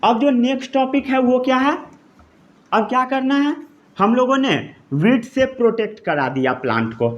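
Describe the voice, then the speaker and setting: A man with an extremely high pitch and lively intonation lectures a science class in Hindi, in a muffled recording. He slowly repeats key terms as though dictating notes and often checks whether his students are following.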